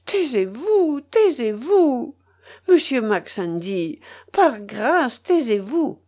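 A woman's voice: fairly high pitch, a little slow, warm tone, pitched above the performer's own voice. A woman reading an audiobook, voicing a frightened young woman who pleads in a trembling voice. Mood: pleading.

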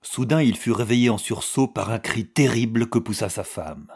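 A man narrating a story as an audiobook reading, with grave, measured storytelling. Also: mid-range voice, a little mellow, slightly rough.

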